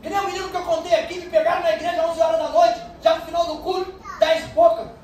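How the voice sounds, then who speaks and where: Woman preacher, high voice, animated sermon, distant echoey church hall, faint hum. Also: fast talker. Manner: animated storytelling, bursts of shouting. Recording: echoey distant room sound with faint noise.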